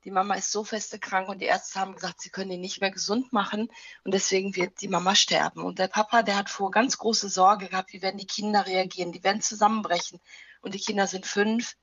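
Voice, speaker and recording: Middle-aged woman, grief counselor, husky, calm explainer, dry, dull sound. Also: medium pitch, no echo. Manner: calm, explains with vivid child anecdotes and images. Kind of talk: interview answers, storytelling with examples.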